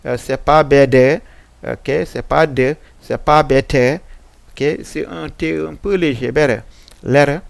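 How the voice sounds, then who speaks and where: A man with a West African French accent walks learners through English sounds at a slow, deliberate pace. His voice is gravelly and he stops often with fillers. He repeats each example word several times, and the recording is dry and close. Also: on the high side, fairly even intonation, no echo. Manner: frequent hesitation fillers. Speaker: teacher. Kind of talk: French-language pronunciation lesson on English sounds.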